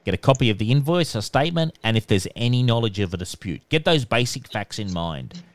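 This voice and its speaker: A man with a nasal voice, a debt collection expert giving calm, instructive answers in a podcast interview. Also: mid-range voice, a little fast, no echo. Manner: calm, instructive, repeats "okay".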